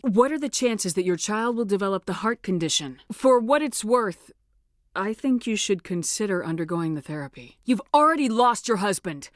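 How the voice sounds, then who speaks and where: A woman's voice: medium pitch, no room sound, studio quality, close to an everyday voice. A woman playing a resolute, no-nonsense military space commander in video game dialogue, with a direct, authoritative and controlled delivery. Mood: earnest, persuasive.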